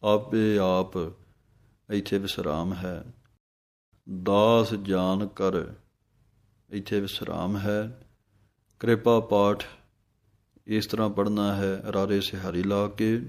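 A man teaching correct recitation of scripture, drawing out each verse slowly and then explaining how to pronounce it plainly. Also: on the low side, level tone, a little mellow. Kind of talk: slow, careful recitation lesson.

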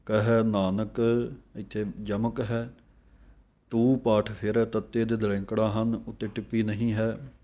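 A man teaching careful scripture recitation line by line, chanting each phrase slowly and then briefly explaining how to say it. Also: lowish voice, level tone, dark tone. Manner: slow chanted lines, then quick spoken corrections.

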